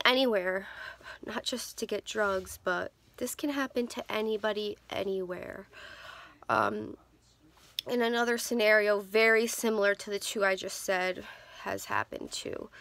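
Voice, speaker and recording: A woman's voice: mid-range voice, vocal fry, a bit bright. Candid young woman telling stories. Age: 20s. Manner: candid, rambling with many ums and restarts. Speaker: vlogger. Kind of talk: casual storytelling to camera. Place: in a car. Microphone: phone camera.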